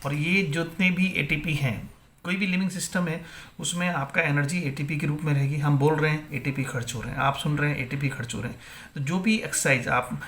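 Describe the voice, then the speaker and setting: A man's voice: a little high, brisk, a bit bright. A male biology teacher gives an exam-prep lecture, asking questions and answering them himself, and mixing English terms into Hindi.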